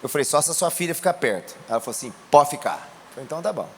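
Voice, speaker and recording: A Brazilian man preaching a sermon, telling a testimony in a colloquial way and rising to shouts. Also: on the high side, lively intonation, very fast, a little hiss or hum. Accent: Brazilian Portuguese. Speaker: pastor.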